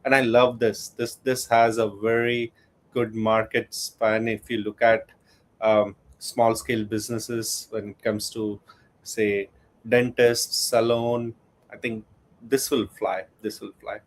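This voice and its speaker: A man on a remote panel, friendly and encouraging, praising the pitch and thinking aloud as he asks his question. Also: level tone, slow, rough recording. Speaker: panelist judge. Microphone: video call.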